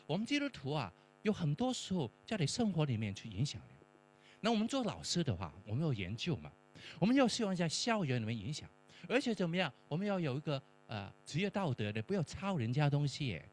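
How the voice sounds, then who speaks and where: A middle-aged man, a professor and church mentor, telling a testimony-style story and acting out the dialogue. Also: a little high. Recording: faint mains hum.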